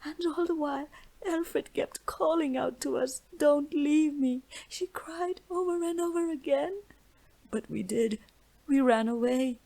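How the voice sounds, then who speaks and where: A woman voicing a terrified young girl who is crying, speaking high and breathy in whispered fragments. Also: measured pace, warm tone. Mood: frightened sobbing.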